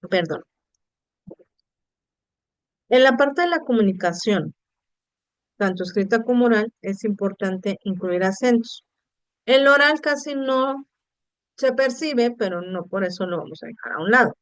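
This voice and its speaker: In an online video session, a female teacher lectures with a smooth, resonant voice that sits a little high, expressive and unhurried, with frequent pauses. She explains things patiently, speaking directly to her students and checking in with rhetorical questions. The sound is dry and close, with no room echo.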